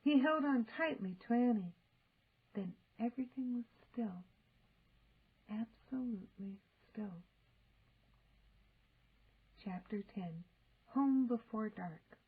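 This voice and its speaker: Older woman reading, animated, slightly muffled. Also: fairly high pitch, breathy edge. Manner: animated, deliberate storytelling. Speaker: storybook reader. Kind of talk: expressive children's audiobook narration.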